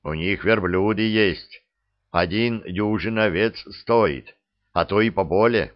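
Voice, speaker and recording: A man's voice: fairly low pitch, slow pace, highs cut off. A man reading an eager young Cossack who calls out his idea. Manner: eager, shouted.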